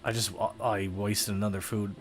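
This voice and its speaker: Man, casual gaming stream chat, hesitant and rambling, soft music in the background. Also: fairly low pitch, flat delivery, moderate pace. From United States. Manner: rambling, hesitant, self-deprecating.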